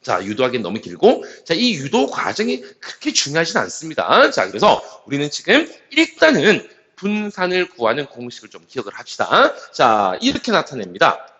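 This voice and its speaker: A male math teacher lectures with a slightly high, very animated voice that rises and falls widely. He repeats key terms and uses a steady filler word to pace each step. The recording is somewhat muffled and lo-fi. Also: normal speed, few pauses. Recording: slightly dull lo-fi sound.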